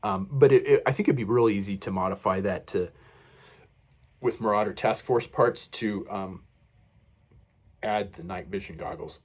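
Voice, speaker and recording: A man's voice: lowish voice, lively intonation, moderate pace. A man casually reviewing action figures while he unboxes them, rambling along with many fillers and self-corrections. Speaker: toy reviewer.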